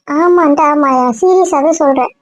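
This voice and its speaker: A woman's voice: sits high, moderate pace, no room sound, highs cut off, natural voice. A woman voicing a blunt, protective young friend who scolds in a stream of rhetorical questions. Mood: scolding. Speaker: outspoken friend. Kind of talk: Tamil audio drama acting.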